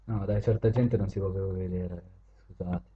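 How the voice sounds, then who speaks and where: A man chatting with viewers and strangers on random video chat, joking and teasing, switching from loud greetings to low mutters. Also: steady tone, moderate pace, narrow, tinny audio.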